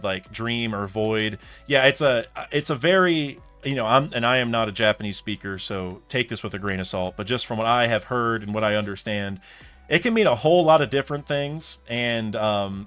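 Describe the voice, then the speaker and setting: This is a young man streaming live and reacting to a comic chapter, his voice mid-range with a fairly bright tone. He chats loosely, thinking aloud in meandering sentences riddled with fillers and false starts.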